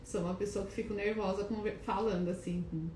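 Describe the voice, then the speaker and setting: A woman hosts a relaxed live stream from a clinic office, greeting viewers one by one and restarting her sentences as nerves show. Her voice sits in the middle range, and the room gives it a noticeable echo over a faint hiss. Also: mid-range voice, quick pace. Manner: chatty, greets viewers by name, hesitant restarts; calls herself shy and nervous. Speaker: wellness live-stream host. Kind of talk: casual live-stream talk. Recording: echoey room, faint background noise.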